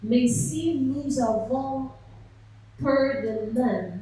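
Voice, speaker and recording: A woman pastor's voice sits high and mellow as she preaches extremely slowly, recounting a story with rhetorical questions during a seminar sermon. The setting is a large church hall, captured from afar with heavy echo.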